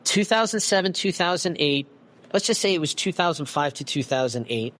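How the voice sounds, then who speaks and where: A man's voice: fairly high pitch, lively intonation, fairly quick, a bit bright. Heated, emphatic man on a podcast. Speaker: guest expert. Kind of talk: passionate podcast conversation. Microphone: video call.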